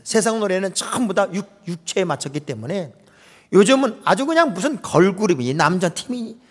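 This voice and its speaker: A middle-aged male pastor preaching a humorous sermon, joking with the congregation and mimicking dialects. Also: high voice. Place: large church sanctuary. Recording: long reverb in a church hall.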